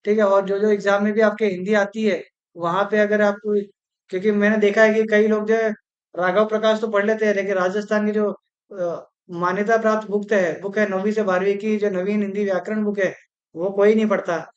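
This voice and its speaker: A teacher giving an exam-prep grammar lesson, slowly repeating words and spelling out their syllables, often mixing English words into Hindi. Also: medium pitch, little pitch movement, muffled recording. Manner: slow, repetitive, spells out syllables.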